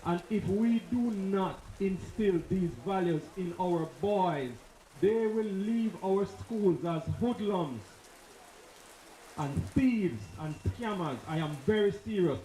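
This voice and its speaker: A man's voice: high voice, slow pace, mellow. Emphatic Jamaican man addressing a hall. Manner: repetitive, emphatic, speaks off the cuff. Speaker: guest speaker at a school awards ceremony. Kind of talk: impassioned speech. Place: school hall. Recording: echoey hall recording.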